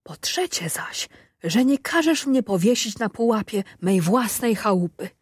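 A woman voicing a timid older peasant mother who pleads before a ruler in high, breathy tones. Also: expressive, measured pace, no echo, studio quality. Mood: frantic pleading.

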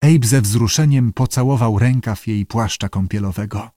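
A man reading a novel aloud as narrator, with steady, measured delivery. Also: fairly low pitch, no echo, clean studio sound. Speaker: audiobook narrator. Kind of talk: scripted narration.

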